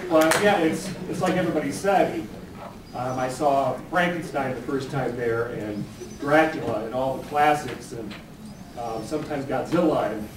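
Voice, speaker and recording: Male amateur speaker, average pitch, halting live tribute, heard away from the mic amid noise. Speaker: speaker inducting an honoree. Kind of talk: informal live tribute speech. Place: large room at a live event. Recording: echoey, distant mic, clear noise.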